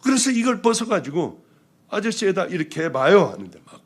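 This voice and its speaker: In his testimony sermon, a South Korean pastor with a high voice talks fairly quickly, bringing his story to life by acting out what people said. Those quotes veer from loud outbursts to hushed whispers.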